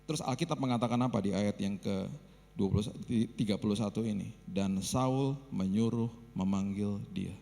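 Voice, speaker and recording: A man preaching a sermon as pastor, telling stories in a lively way and acting out the people he quotes. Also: on the low side, moderate pace, creaky. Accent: Indonesian. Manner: lively storytelling with acted quotes. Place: church hall. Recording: long church hall reverb.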